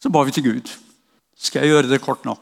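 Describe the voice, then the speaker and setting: A man's voice: mid-range voice, creaky. Older man preaching in a reverberant hall. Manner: earnest storytelling, ends in slow prayer. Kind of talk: sermon testimony. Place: church hall.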